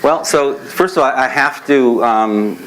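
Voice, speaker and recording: A man from the San Francisco Bay Area speaking on a conference panel, telling his story in a relaxed, steady way. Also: medium pitch, unhurried, slight background noise, rough recording. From grew up in the San Francisco Bay Area. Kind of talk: panel talk.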